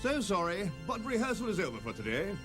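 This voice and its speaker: An actor voicing a hairy little creature turned star, in a pompous, condescending, theatrical manner for a sitcom. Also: male voice, high-pitched, big pitch swings, a little fast, over music. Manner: pompous, grandly thespian.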